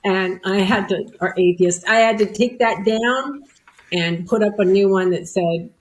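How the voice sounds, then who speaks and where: Animated woman telling a personal story. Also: mid-range voice, measured pace, poor audio. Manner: animated, acts out quoted voices, self-mocking. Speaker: podcast guest.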